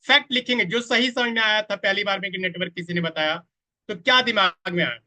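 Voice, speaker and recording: High, bright-voiced male trainer. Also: a little fast. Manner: addresses the audience directly, asks for chat replies; quotes others in a voice of their own. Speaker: network marketing trainer. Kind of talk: live online training presentation.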